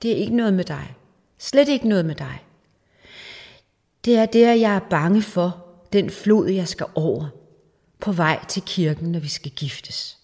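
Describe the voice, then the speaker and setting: A woman doing a frightened, hushed young bride. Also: fairly low pitch, lively intonation, gravelly, long pauses. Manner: soft, hushed and tearful. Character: frightened young bride, fearing the river troll. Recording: long hall reverb.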